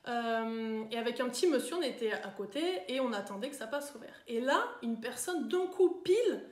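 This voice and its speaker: A woman's voice: on the high side, expressive, normal speed, roomy sound. A woman coach talking to viewers in a chatty way, with many fillers and tag questions. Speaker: coach giving self-improvement advice. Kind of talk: live talk to viewers.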